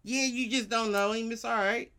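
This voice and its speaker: An American woman argues about sports in a high, bright voice. She is emphatic and casual, full of slang and swearing. She cuts in freely and presses her point like a panelist in a heated debate. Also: fairly even intonation, normal speed. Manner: emphatic, profane, slangy, interrupting.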